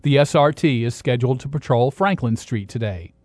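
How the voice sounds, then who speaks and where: A man's voice: medium pitch, expressive, fairly quick, darkish tone, dry recording. A man reading a scripted radio news report as a reporter.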